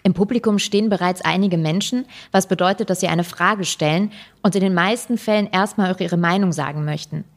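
A woman's voice: lowish voice, brisk. Woman with a dry, sardonic narration. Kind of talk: first-person audiobook narration.

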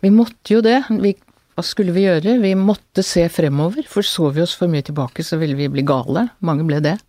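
An older woman, an author being interviewed, telling her family's story in an earnest, halting way with many restarts. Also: deep voice, mellow, no echo. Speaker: author guest. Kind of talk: reflective interview talk.

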